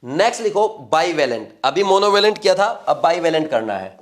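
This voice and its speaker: A male chemistry teacher with a somewhat high voice leads a class, working through the material step by step. He speaks with English technical terms mixed in and keeps pausing to ask whether the students have understood. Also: sing-song. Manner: explains step by step, often checking if students follow. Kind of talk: classroom lecture at a board.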